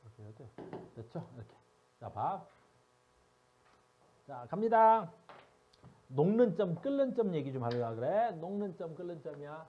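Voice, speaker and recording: Lively man teaching a class. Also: fairly high pitch, normal speed, long pauses, dull audio, slight background noise. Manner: lively, teasing, asks students constantly. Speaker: science teacher. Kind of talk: classroom lecture.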